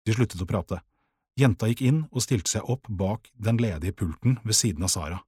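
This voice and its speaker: Man, audiobook narrator, husky, dry close sound, measured. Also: on the low side, dry recording. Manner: calm, measured storytelling.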